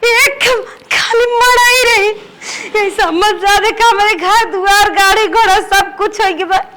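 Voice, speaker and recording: A woman with an Awadhi accent acting a meek, tearful married stepdaughter who pleads softly in a family comedy skit. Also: extremely high pitch, steady tone, slow pace, noisy background. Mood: pleading. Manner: pleading, soft-spoken.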